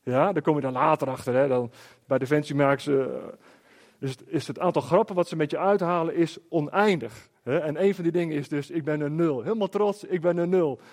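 Lively middle-aged man telling a story. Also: a little high, brisk. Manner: lively, rhetorical, checks in with the listeners. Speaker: speaker. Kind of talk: storytelling talk to an audience.

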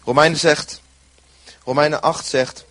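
A man's voice: fairly high pitch, fairly even intonation, a little slow, a bit bright. A man preaching a sermon in an earnest way, repeating short phrases for emphasis.

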